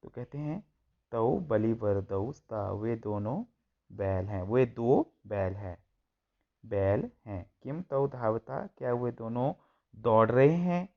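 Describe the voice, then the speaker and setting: A man's voice: medium pitch, lively intonation, takes it slowly, vocal fry, phone-quality sound. A man teaching a school textbook lesson, reading each line and then translating and repeating it.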